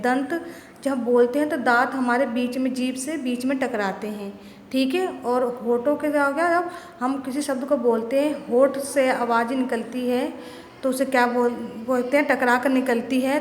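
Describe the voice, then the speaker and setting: A woman's voice: sits high, moderate pace. A woman teacher giving a grammar lesson to young pupils, often asking a question and answering it herself. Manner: asks questions and answers them herself, repeats "ठीक है ना". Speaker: school teacher. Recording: echoey room with long reverb, faint noise.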